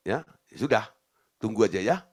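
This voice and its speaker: A man's voice: fairly low pitch, lively intonation, a little fast, a little mellow, slightly rough. A male preacher giving a conversational sermon, telling stories and asking his listeners questions. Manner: chatty, storytelling, asks the audience questions.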